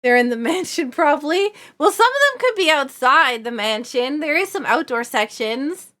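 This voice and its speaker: A woman's voice: high-pitched, expressive, moderate pace, bright, forceful tone. A woman streamer chatting casually to herself and her viewers while playing a video game. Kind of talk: casual live gameplay chat.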